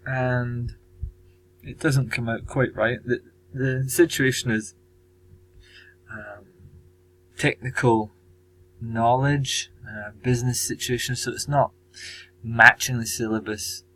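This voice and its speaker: A man teacher presenting his language course tasks, measured and pausing often with ums. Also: mid-range voice, steady tone, sharp tone, low-quality recording. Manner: measured, with frequent ums and pauses. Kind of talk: recorded presentation.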